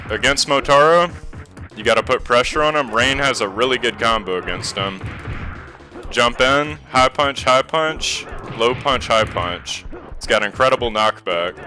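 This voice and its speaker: A man giving live gameplay commentary, sarcastic and frustrated, swearing and yelling at the game. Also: on the low side. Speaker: gaming YouTuber.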